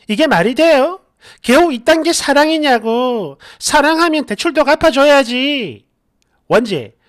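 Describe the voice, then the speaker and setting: A woman hosting her channel, reading online posts aloud in a chatty way and tossing in sarcastic asides. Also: high voice. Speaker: channel host.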